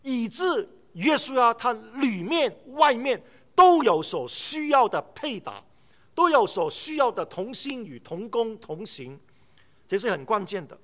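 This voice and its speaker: 一位男传道人在讲道，语气生动，常模仿对话讲故事。. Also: male voice, extremely high pitch, a little slow. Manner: animated storytelling, acts out dialogue. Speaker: preacher. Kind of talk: sermon.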